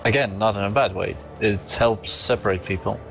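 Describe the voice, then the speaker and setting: A man's voice: on the low side, steady tone, normal speed, creaky, a bit bright, faint music behind. A man chatting casually and making teasing jokes as a co-commentator. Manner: jokey, teasing. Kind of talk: casual chat.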